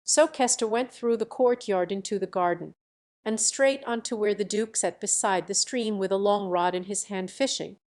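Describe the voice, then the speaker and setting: A woman reading a classic fairy tale aloud as an audiobook narrator, measured and even. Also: medium pitch. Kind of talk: storybook reading.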